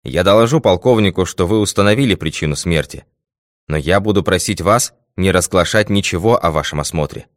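A calm, methodical detective speaks in a measured, confident way, as a man reads him aloud. The voice sits deep and low. The sound is close and dry, with no room around it. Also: no echo, close to an everyday voice. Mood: assured.

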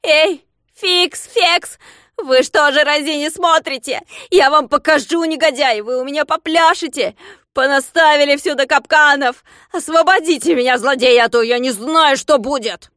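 As an audiobook character, a woman performs a screeching, ranting, shrieking-mad bald landowner who is rich and barks insults and orders. She keeps a medium pitch, steady tone, and normal speed with hardly any pauses, lightly acted. The studio sound is clean with no echo.

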